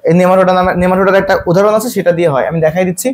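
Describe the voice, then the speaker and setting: Steady in tone and high in pitch, a male teacher leads biology exam prep by repeatedly quizzing his class. He says every question twice, then eases his pace to spell out the scientific vocabulary.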